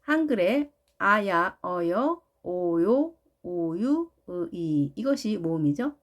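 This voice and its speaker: A woman teaching an English grammar lesson, explaining slowly and patiently with frequent questions to the viewer. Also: fairly low pitch, very animated. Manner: slow, patient, deliberate explanations.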